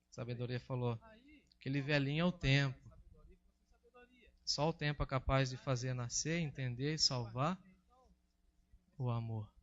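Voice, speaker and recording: A man's voice: medium pitch, a bit bright, muffled recording. A male Brazilian pastor preaching a sermon, telling a fable and acting out the characters' lines in a storytelling manner. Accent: Brazilian Portuguese. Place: church service.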